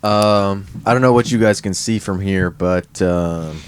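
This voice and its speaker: A man's voice: sits low, unhurried, a little hiss or hum. A man co-hosting a casual podcast chat from a parking lot, laughing often and explaining things loosely. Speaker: podcast co-host. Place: parking lot near a van.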